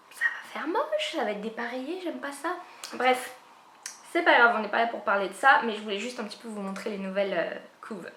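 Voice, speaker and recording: A woman with a fairly high voice chats casually about new books, rambling along with plenty of fillers and restarts. Her voice rings a little in a reverberant room. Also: a little hiss or hum. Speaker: book vlogger. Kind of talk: casual chat about upcoming book releases. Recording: echoey room.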